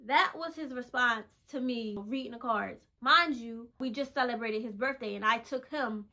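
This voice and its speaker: Candid female vlogger, bright and a touch high, emphatic storyteller. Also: normal speed. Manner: emphatic, repeats phrases for effect; candid, conversational. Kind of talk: personal storytelling testimony.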